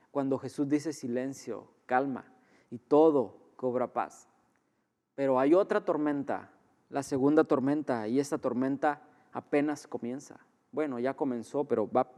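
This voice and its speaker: A man preaching an earnest sermon, softening to a hush at times and rising again. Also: fairly high pitch. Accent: Mexican Spanish. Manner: earnest, rises and drops in loudness, softens to a hush when quoting. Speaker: pastor. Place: church sanctuary. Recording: long church hall reverb.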